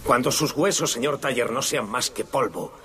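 A man's voice: mid-range voice, normal speed, bright, forceful tone, a little hiss or hum, natural voice. An actor playing a condemned Italian anarchist man giving a solemn, impassioned final statement in court, in a dubbed film.

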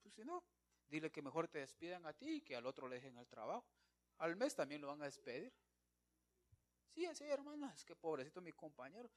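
A man's voice: a little high, sing-song, fairly quick, long pauses. Emphatic preacher man. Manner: emphatic, keeps calling listeners brother; swings between loud declarations and quiet asides. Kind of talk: evangelical sermon.

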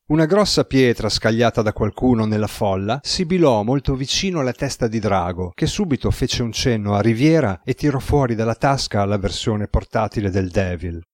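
A man reading a novel aloud in a steady, measured way, his voice low. The recording is dry and close, with no room sound. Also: dry recording. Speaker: audiobook narrator. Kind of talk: scripted narration.

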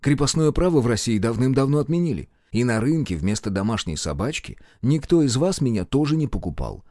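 A man voicing a calm, self-assured young healer. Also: mid-range voice, dry recording, studio quality. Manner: measured, dignified.

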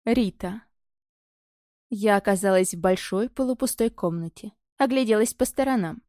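Female narrator for a first-person novel: calm, measured and detached, with a warm, mellow tone and a dry, close recording. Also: mid-range voice, no room sound. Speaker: audiobook narrator.

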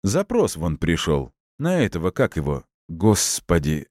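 A man voicing a smug, cynical police colonel who speaks in measured, sarcastic, deliberate words. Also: low voice, huge pitch swings, a little mellow, dry recording, clean studio sound, exaggerated voice. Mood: dismissive.

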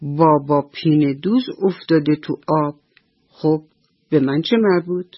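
A woman's voice: deep voice, husky, muffled recording. A woman voicing a self-absorbed male grasshopper in a bedtime radio story, asking questions in a raised, surprised voice. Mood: dismissive.

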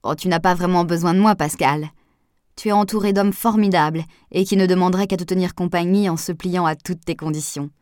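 A woman reading an audiobook, voicing a lively, impulsive young woman who talks emphatically. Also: on the low side, a little fast, dry recording, studio quality, natural voice.

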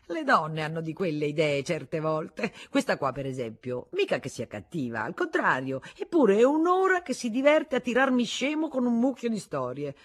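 A man's voice: takes it slowly, husky. A woman reading an audiobook, voicing a blustering husband who is caught lying and covers it with forced cheer. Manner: agitated, evasive, bursts of pitch.

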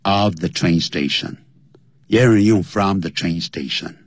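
A man teaching an English lesson, explaining slowly and spelling words out letter by letter, his voice jumping high to stress key points. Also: dry recording, studio quality.

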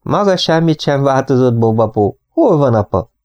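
A man's voice: mid-range voice, big pitch swings, warm tone, no room sound, highs cut off, voice pushed up. A man voicing an eager, worried young woman in an audiobook.

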